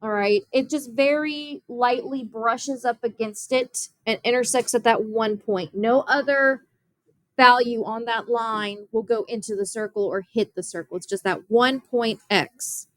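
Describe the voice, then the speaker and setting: A woman's voice: on the high side, unhurried, a bit bright, no room sound. A young woman math teacher giving a classroom geometry lesson, explaining step by step and often asking her students questions.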